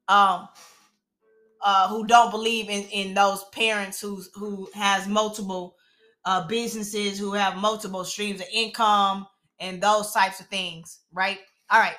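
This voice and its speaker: A young adult woman hosting a casual devotional call, reading scripture aloud slowly and then explaining it in loose, slangy everyday talk. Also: mid-range voice, pushed and bright. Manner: conversational and slangy, reads verses aloud slowly then riffs on them. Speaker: host leading a daily devotional call.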